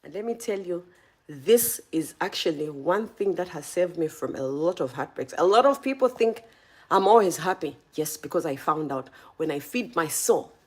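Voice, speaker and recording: A woman from Zambia, with a lowish, husky voice at normal speed, gives motivational advice during a live stream. Animated and direct with her viewers, she greets people in the chat by name.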